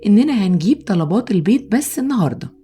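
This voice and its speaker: A woman with an Egyptian accent voicing a patient, loving mother who speaks softly but firmly in a storybook. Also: medium pitch, very fast, a little hiss or hum, lightly acted. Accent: Egyptian Arabic. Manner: soft, calm and steady.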